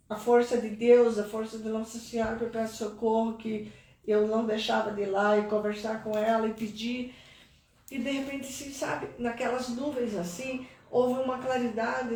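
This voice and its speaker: A middle-aged Brazilian woman speaking as a mother, giving an earnest, prayerful testimony. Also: a little mellow. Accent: Brazilian Portuguese. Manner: earnest, prayerful, pitch rising when moved. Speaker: mother of a cancer patient, guest. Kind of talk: emotional personal testimony. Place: live stream room. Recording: roomy, distant mic.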